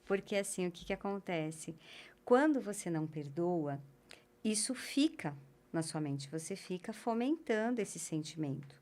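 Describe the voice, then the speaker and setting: A woman, a guest in a chat who explains her thoughts in a slow, reflective way. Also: lowish voice, animated, a little mellow. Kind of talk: casual chat.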